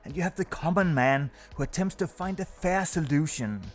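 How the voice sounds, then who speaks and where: A man with a fairly high voice hosts a scripted countdown review. He narrates as a video presenter, with music playing underneath. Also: moderate pace.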